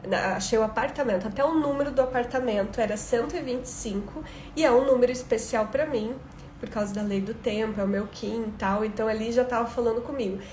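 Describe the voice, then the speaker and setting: A woman speaks in a fairly high voice. She is coaching through personal storytelling, stressing her points and turning to listeners with questions. The room echoes noticeably, with faint noise behind her. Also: fast talker, darkish tone. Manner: emphatic, addresses listeners with rhetorical questions. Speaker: online self-development coach.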